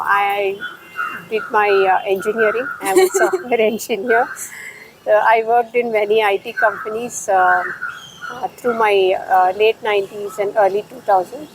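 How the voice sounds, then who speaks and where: Middle-aged Indian woman, unhurried talk. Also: mid-range voice, a little hiss or hum, low-quality recording. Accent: Indian English. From Bangalore, India. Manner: thoughtful, many fillers and pauses. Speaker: guest historian. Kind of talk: conversational interview.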